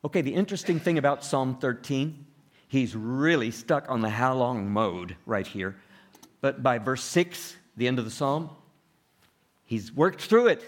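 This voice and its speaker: A man preaching a sermon, asking the listeners rhetorical questions, rising loud on quoted laments and falling soft and low in between, with small chuckles. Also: expressive, a little slow.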